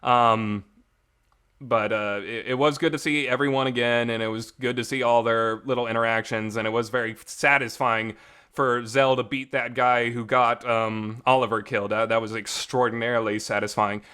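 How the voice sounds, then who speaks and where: A clear, resonant, sharp mid-range voice belongs to a man hosting a visual novel review show. At a normal speed and level tone, he reviews casually and without a script, getting emotional and emphatic with a bit of mild swearing, all in a reverberant amateur home recording.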